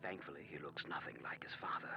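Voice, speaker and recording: A man playing a friendly caller leaving a message on an answering machine cassette tape, chatty with hushed asides. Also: very deep voice, quick pace, in a whisper, lo-fi sound, soft background music. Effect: voice recorded on an answering machine cassette tape.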